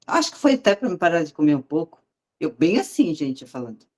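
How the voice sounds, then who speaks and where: A woman's voice: low voice, very animated, brisk, a little mellow. A woman, sharing a heartfelt personal faith testimony in a conversational, storytelling way and speaking directly to her listeners.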